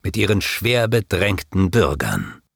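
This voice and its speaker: A man's voice: low-pitched, sing-song, creaky, breathy edge, dry recording, clean studio sound, exaggerated voice. A man doing a solemn wise guide. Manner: solemn, measured. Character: wise, calm older male guide and master.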